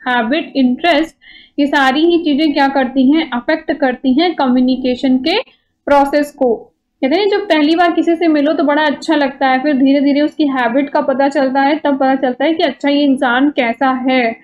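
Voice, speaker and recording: Woman, high voice, conversational lecture, slightly muffled recording. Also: steady tone, moderate pace, a little mellow. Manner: conversational, checks in with "ठीक है" often. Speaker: exam-prep teacher. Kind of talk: explanatory online lecture.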